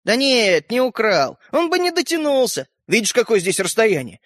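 A man voicing a tiny, boastful and sly living toy boy in a storybook, cheeky and excitable. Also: very high-pitched, normal speed, no echo, clean studio sound, pitched above the performer's own voice, heavily acted.

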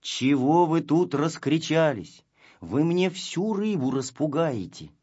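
A man's voice: fairly high pitch, very animated, slow, warm tone, husky, big-room sound, exaggerated voice. A man voicing a sly, grumpy little hunter shorty who grumbles, on a slightly dull recording. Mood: grumbling.

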